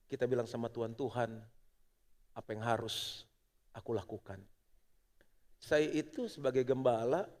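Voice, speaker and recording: Pastor guy w preaching in a church, kinda high voice, big echoey hall. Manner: animated preaching, shifts between loud exhortation and hushed prayer. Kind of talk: sermon. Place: church auditorium. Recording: long church hall reverb.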